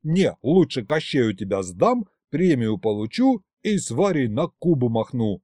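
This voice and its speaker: A man's voice: medium pitch, very animated, measured pace, dark tone, dry recording. A man voicing a sly old grandfather ghost with folksy, old-fashioned speech in an audiobook.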